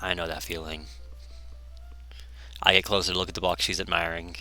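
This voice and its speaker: A man's voice: low voice, little pitch movement, brisk, pushed and bright, soft background music. A man reading a visual novel aloud and commenting on it, often stumbling over words and restarting. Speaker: game player reading aloud.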